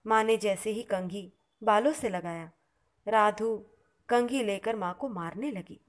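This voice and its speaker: A woman narrating a devotional story in a calm, measured voice. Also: mid-range voice.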